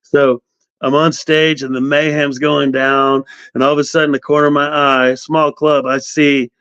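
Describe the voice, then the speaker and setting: A man in his fifties, a guest, telling animated stories in casual talk. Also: on the high side, moderate pace, smooth, no echo. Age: 50s. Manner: animated storyteller, quotes others. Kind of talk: casual storytelling interview. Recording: dry, slightly dull sound.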